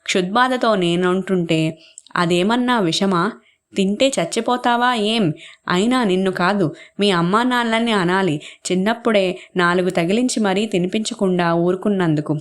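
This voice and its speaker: A woman's voice: mid-range voice, normal speed. A woman telling a short story, narrating it aloud and acting out the family members' lines in quotes.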